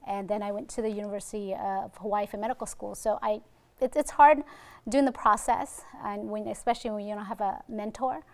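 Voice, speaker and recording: A woman's voice: medium pitch, steady tone, fairly quick, darkish tone. A woman in her forties, from Vietnam, answering as an ophthalmologist guest on a TV interview, earnest and determined with some fillers. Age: 40s.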